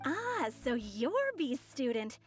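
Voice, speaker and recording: A courteous young apprentice witch from a video game. She speaks in a high voice with formal, mysterious composure. Soft music plays behind her. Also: big pitch swings, slow. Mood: composed, confiding.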